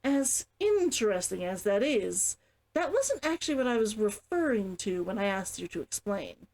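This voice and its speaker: A woman's voice: mid-range voice, very animated, moderate pace, darkish tone. Woman reading as a blunt, suspicious female guard. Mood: probing. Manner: blunt, interrogating.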